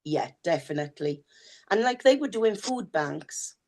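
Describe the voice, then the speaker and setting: A Welsh-accented woman co-hosts a podcast and reads, chatting in a casual, down-to-earth way straight to listeners. Her lowish, darkish voice is animated and a little slow, and it's going hoarse and sounding a little worn.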